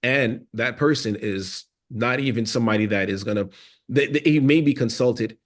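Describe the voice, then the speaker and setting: A man's voice: mid-range voice, normal speed. A man speaking as a podcast guest, telling his story in an earnest, reflective conversational way. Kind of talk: conversational interview.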